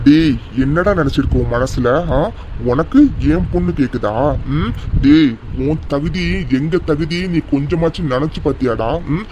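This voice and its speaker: An arrogant rich middle-aged father, played by a man in a cartoon serial. He scolds with slow, contemptuous taunts. A faint hiss sits behind him. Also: a little high, sing-song, dull audio. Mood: scornful. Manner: scornful, scolding, drawn-out taunts.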